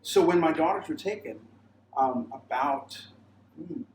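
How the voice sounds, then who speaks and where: A man's voice: fairly high pitch, unhurried, slight background noise. A pastor telling a rambling personal testimony in a sermon, acting out the voices he quotes. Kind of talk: testimony sermon at a mission training. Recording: roomy sound, mic far off, faint ambience.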